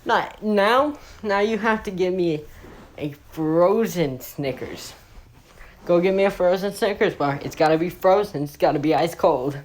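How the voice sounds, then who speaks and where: A woman's voice: on the low side, unhurried, a little mellow, natural voice. A woman voicing a demanding male hostage-taker who swears with scorn. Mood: indignant.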